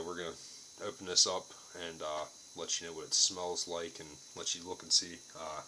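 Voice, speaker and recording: A man's voice: deep voice, pushed and bright, slight background noise, low-quality recording. A man giving a casual, unscripted product review to camera, plain-spoken and casually profane.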